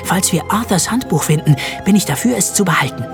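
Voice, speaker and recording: Narrator doing bossy big sister, blunt n sharp, fed up. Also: mid-range voice, animated, fast, over music, pitched above the performer's own voice, lightly acted. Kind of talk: audiobook reading.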